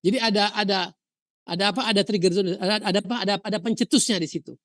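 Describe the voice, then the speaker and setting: A woman from Indonesia teaching a university histology lecture, telling lively stories, asking rhetorical questions and dropping in English terms. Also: mid-range voice, racing, no room sound, clean studio sound. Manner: mixes English terms into explanation.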